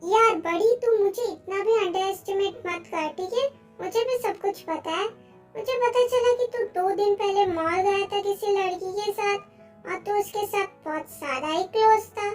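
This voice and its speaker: A woman's voice: very high-pitched, normal speed, faint music behind. A woman voicing a young man who is a cheeky, teasing best friend in a fan-dubbed story. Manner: teasing, bossy.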